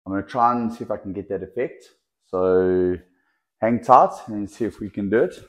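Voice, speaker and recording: A man showing off a lively python outdoors on camera, chatty and laughing, talking to the snake as it wraps around his clip-on mic. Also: on the low side, normal speed, rough recording. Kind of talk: casual hands-on video chat. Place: outdoors in the sun. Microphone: clip-on mic the snake keeps wrapping.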